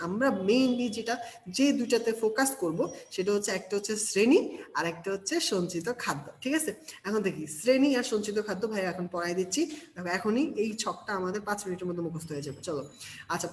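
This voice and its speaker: A man's voice: high-pitched, a little hiss or hum. A man teaching an exam-prep biology lesson, firing questions at students and answering them himself, often checking "okay?". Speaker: biology tutor.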